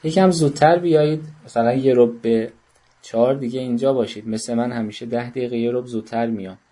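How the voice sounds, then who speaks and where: A man leads an online parenting class in a mellow, darker-toned voice. He coaxes participants to speak, calls on them by name and teases them lightly. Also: medium pitch, flat delivery. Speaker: parenting workshop instructor.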